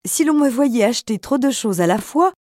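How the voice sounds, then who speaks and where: A woman voicing an elderly, poor and gentle father who talks softly and humbly. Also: fairly high pitch, lively intonation, moderate pace, dry recording, studio quality.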